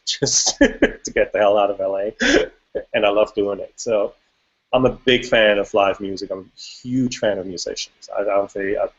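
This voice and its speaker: A man from Switzerland talks casually as an interview guest, rambling and restarting his thoughts. His voice sits low. The recording is dull and lo-fi. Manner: relaxed, rambling, frequent restarts and fillers. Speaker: guest music producer. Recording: dull lo-fi audio.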